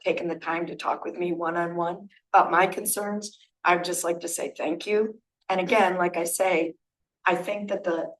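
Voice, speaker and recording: A hoarse woman resident giving an earnest, somewhat rambling public comment at a township board meeting. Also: fairly low pitch, rough recording. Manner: earnest, rambling, searches for words.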